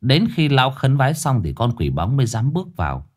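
A man narrating a horror story in a lively storytelling way. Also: mid-range voice, a little fast.

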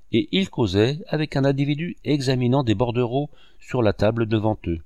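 A man narrating a classic novel in a measured, inflected reading voice. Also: on the low side, no echo, studio quality. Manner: measured, with lively rising and falling inflection. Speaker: audiobook narrator.

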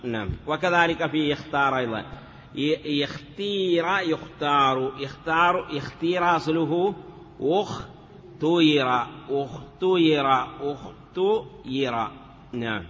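This classroom lecture features a teacher of Arabic morphology chanting word forms in a sing-song drill, with "yes" often marking each step. His voice is on the high side, pushed and bright, at a moderate pace, with slight background noise on a dull lo-fi recording with long reverb.

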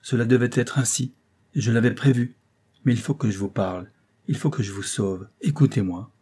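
A man's voice: medium pitch, moderate pace, warm tone, breathy edge, lightly acted. A man voicing a proud, grieving young Venetian woman in a story reading, sorrowful and dignified. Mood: earnest.

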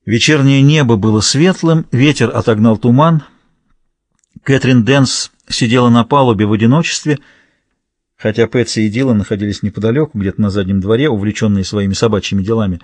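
A man narrating a thriller audiobook in a steady, measured reading. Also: medium pitch, no echo. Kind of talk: scripted narration.

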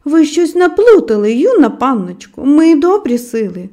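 A woman voicing a boisterous male policeman in an audiobook, calling out in loud, teasing exclamations. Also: high voice, big pitch swings, moderate pace.

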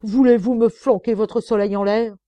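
A woman's voice: lowish voice, sing-song, moderate pace, warm tone, no room sound, highs cut off. A woman reading an audiobook, voicing a brutal male prison sergeant who barks and sneers at a prisoner. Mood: gruff shouting. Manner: barking, sneering.

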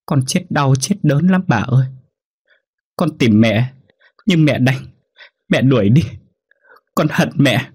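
A man voicing a small ghost child who begs its grandmother for help in a high, tearful voice. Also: lively intonation, slow pace, pauses often, darkish tone, slightly rough. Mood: pleading, tearful. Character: ghostly little child, pleading and wounded.

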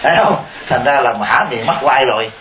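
In a temple hall before listeners, a male Buddhist monk delivers a dharma talk and takes questions, speaking briskly and expressively at a medium pitch. He tells stories, chuckles in asides, and poses rhetorical checks to his listeners. Faint hiss and echo mark the dull, lo-fi recording.

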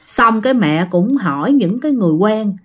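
A woman's voice: medium pitch, animated, normal speed, husky. A woman telling a ghost story in a chatty way, often addressing her listeners directly. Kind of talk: casual ghost-story narration.

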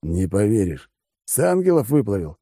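A man's voice: lowish voice, very animated, normal speed, mellow, husky, dry recording, studio quality, exaggerated voice. A man doing a teasing ninja buddy. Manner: teasing, casual. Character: joking male ninja friend, teasing and laid-back.

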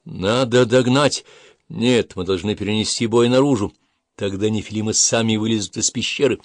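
A male audiobook narrator voicing a calm, commanding male war leader who gives measured, decisive orders. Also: fairly low pitch, no room sound, clean studio sound, close to an everyday voice.

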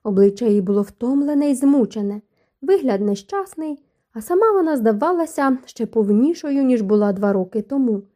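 Dark-toned woman narrating a novel. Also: fairly high pitch, a little fast. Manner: even, storytelling delivery. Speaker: audiobook narrator. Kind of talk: scripted narration.

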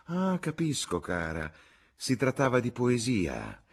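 A man reading an audiobook, voicing a blunt middle-aged mother in a loud, husky, scolding tone. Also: medium pitch, huge pitch swings, slow pace, pitched above the performer's own voice, full character voice. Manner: loud, scolding, matter-of-fact.

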